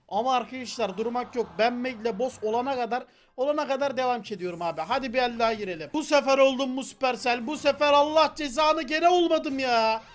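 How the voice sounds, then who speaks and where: A young man giving loud, slangy, playful gameplay commentary as a gaming channel host, shouting at his teammates. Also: extremely high pitch. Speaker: gaming YouTuber.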